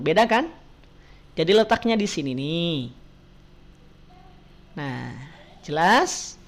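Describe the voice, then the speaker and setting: A woman teaching Quran recitation in an online class, patiently asking her students questions and modelling pronunciation. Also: lowish voice.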